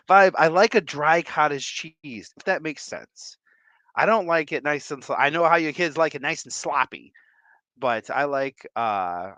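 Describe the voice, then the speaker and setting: A man hosting a casual livestream, greeting viewers in an excitable, effusive way and laughing often. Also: medium pitch, dry recording. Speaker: livestream host.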